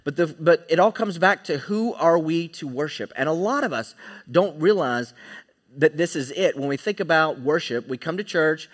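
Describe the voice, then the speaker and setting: Emphatic preacher with a fairly high voice. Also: male voice, lively intonation, moderate pace. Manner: emphatic, checks in with listeners. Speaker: pastor. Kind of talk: sermon.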